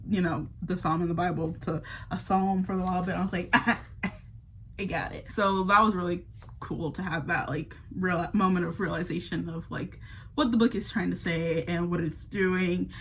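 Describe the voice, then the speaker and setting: A woman's voice: lowish voice, fairly bright tone, a little hiss or hum, low-quality recording. A young woman talking casually about books to the camera, with lots of fillers, sometimes reading passages aloud. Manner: chatty, many fillers, reads passages aloud. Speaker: book vlogger. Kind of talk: casual chat.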